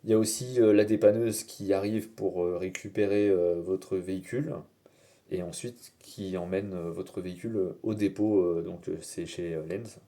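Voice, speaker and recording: Deep-voiced man, halting vlog talk. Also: steady tone, warm tone. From France. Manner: hesitant, many "euh" fillers. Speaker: car vlogger. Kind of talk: casual explanatory vlog.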